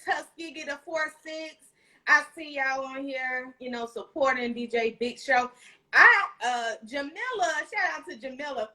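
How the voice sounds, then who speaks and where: A woman host with an Alabama Southern accent and a high, forceful voice. She interviews casually, encouraging her guest and repeating phrases for emphasis. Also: a little slow. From Alabama, United States. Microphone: phone at arm's length, video call.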